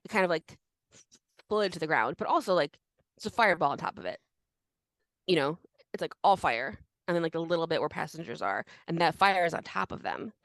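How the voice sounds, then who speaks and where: A woman's voice: lowish voice, lively intonation, a little fast, fairly bright tone, dry recording. A woman co-hosting a podcast in casual chat, telling the story in a chatty way full of fillers. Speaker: podcast co-host.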